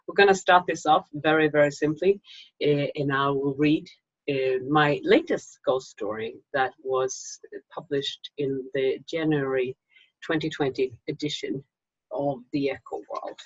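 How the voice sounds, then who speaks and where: A Swedish author and magazine co-publisher reads her own story in a Swedish accent, first giving an informal introduction and then a slow literary reading. Her voice is deep and husky and her delivery measured and slow, captured on a slightly dull, lo-fi microphone.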